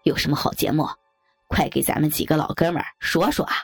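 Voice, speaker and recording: A woman's voice: sits low, quick pace, gravelly, no echo, faint music behind, voice pushed down. A woman voicing an eager older male official in a storybook reading, urgent and coaxing. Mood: impatient.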